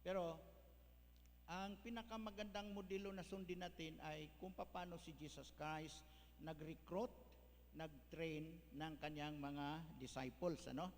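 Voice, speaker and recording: A man's voice: on the high side, steady tone, measured pace. A male pastor, preaching a folksy sermon that mixes in English words. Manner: folksy, mixes English, tags lines with "ano?". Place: church hall. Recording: echoey church hall, faint hum.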